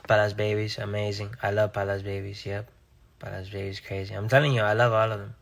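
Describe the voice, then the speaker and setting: Young man from Rhode Island, a singer doing live-stream Q&A, gravelly and laid-back. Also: fairly low pitch, fairly quick. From Rhode Island, USA. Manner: relaxed, reads viewer questions aloud and answers offhandedly. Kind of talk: casual live-stream chat answering viewer comments.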